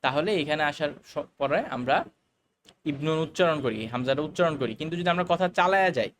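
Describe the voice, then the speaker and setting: Man explaining Arabic grammar, slightly high. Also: a bit bright, slight background noise. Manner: explains slowly, with fillers and mixed English words. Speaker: Arabic teacher. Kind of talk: recorded lesson explaining grammar.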